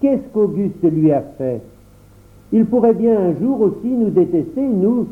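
A man voicing a cautious, doubtful boy in a storybook reading, pitched above his own voice. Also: animated, unhurried. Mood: wary. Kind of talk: storybook narration. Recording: tinny phone-like audio.

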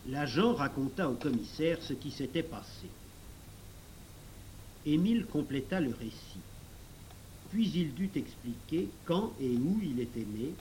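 A man reading a children's novel aloud in measured storybook narration. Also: medium pitch, warm tone, slight background noise, low-quality recording. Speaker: audiobook narrator.

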